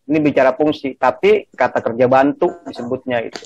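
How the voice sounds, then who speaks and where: A man's voice: medium pitch, big pitch swings, fairly quick, vocal fry, darkish tone, no room sound, lo-fi sound. A man teaching a class on Quranic grammar over a video call, explaining patiently and checking in with his students.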